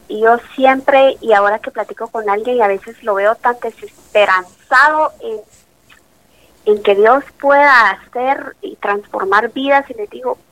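A woman's voice: fairly high pitch, dry recording, poor audio. A woman in her late thirties, a doctor, giving an emotional faith testimony in an interview and acting out the dialogue as she tells it. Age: 30s. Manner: animated storyteller, acts out dialogue, speaks of faith.

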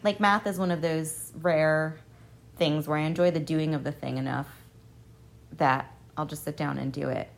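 A woman's voice: low voice, normal speed, creaky. A woman math professor, a radio interview guest, chatting casually and acting out the exchanges she tells about. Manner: animated storyteller, acts out quoted exchanges. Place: radio studio.

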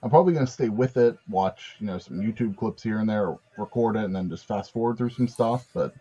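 A man's voice: fairly low pitch, fairly quick, dark tone, slightly rough. A man chatting casually about wrestling, laid-back and hesitant. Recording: dull lo-fi sound.

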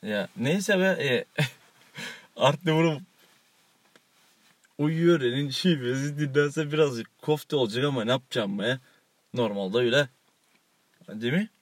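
A man's voice: medium pitch, unhurried, pauses often, dry recording. A man co-hosting a casual, joking chat show, rambling and laughing often. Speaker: co-host.

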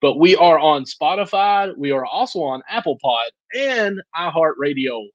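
A man's voice: fairly high pitch, animated, moderate pace, dry recording, muffled recording. A man co-hosting a casual podcast, making upbeat, joking plugs for the show. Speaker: podcast co-host.

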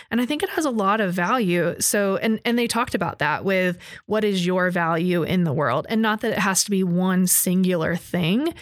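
Brief: woman in her 30s, podcast co-host, mid-pitched voice, explains things steadily in casual chat, dry close recording. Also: no echo. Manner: explains ideas in a steady, conversational way.

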